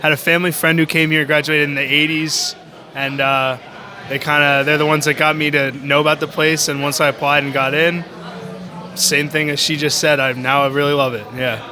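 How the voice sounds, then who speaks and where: A young man from New York answering interview questions as a cadet in a relaxed, casual way. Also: a little high, normal speed. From New Paltz, New York. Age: young adult. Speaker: college cadet.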